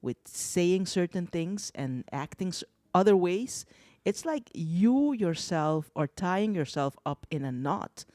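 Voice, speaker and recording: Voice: mid-range voice, lively intonation, slow pace, a little mellow, no room sound, clean studio sound. A co-host of a wellness talk show, speaking in a reflective way and often repeating phrases. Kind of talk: casual talk show chat.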